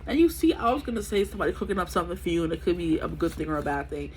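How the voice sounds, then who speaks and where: A tarot reader in her twenties gives a casual reading to camera, chatty and rambling with many fillers, her nose stuffy from allergies. Her voice is on the low side and a little mellow, and she races along. A faint hiss or hum is audible.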